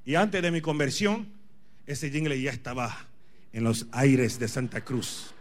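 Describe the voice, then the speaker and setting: A man's voice: mid-range voice, measured pace. A man in his forties preaching a charismatic sermon as a pastor, speaking Spanish as a second language, emphatic and repetitive, often questioning his listeners. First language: not Spanish. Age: 40s. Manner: emphatic, repeats phrases, questions the congregation.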